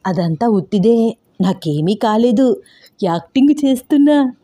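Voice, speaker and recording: Bossy old grandmother for a storybook, loud and sly, with a mellow, raised voice, voiced by a woman. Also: a little high, lively intonation, measured pace. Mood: sly, confiding. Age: over 60. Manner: shouting, scolding, sly.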